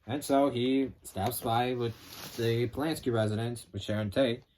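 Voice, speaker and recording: A man casually retelling a film's plot as a reviewer, rambling and animated, acting out quotes with some swearing. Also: medium pitch, normal speed, a little hiss or hum. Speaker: film reviewer.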